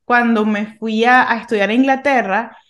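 A woman's voice: fairly high pitch, steady tone, moderate pace, a bit bright. Woman from venezuela, thirties, thoughtful and searching, frequent restarts, casual podcast chat. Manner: reflective, thinking aloud with many restarts. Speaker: podcast co-host. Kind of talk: casual faith discussion.

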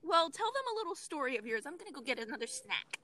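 A woman co-hosting a casual chat podcast, recounting events with animated laughter. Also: high voice, quick pace, slight background noise. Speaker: podcast co-host.

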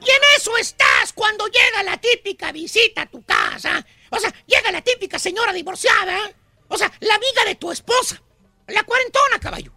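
A man's voice: very high-pitched, huge pitch swings, a little fast, creaky, sharp tone, dry recording, soft background music. A man hosting a comic radio monologue, brash and teasing as he ribs his listeners and co-hosts. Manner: brash, teasing, calls listeners "caballo" and "perro". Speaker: radio comedy host.

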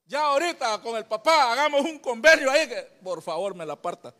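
A man preaching a sermon as pastor, telling lively stories with acted voices and sound effects, calling listeners "brother". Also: very high-pitched, a little fast, long reverb tail. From Honduras. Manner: folksy, addresses listeners as brother.

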